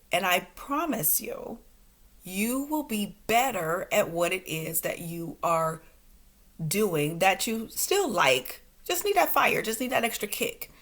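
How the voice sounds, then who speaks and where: A woman's voice: mid-range voice, fairly bright tone. A woman in her forties, a stand-up comic and entrepreneur, hosting a motivational talk in short, emphatic commands and laughing often.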